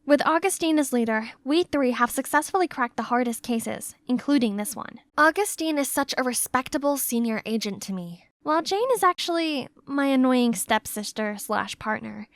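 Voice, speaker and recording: A woman narrates an animated story in the first person as a young secret agent. Her voice is high-pitched. The delivery is scripted, and the recording is very dry. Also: normal speed, few pauses, no echo.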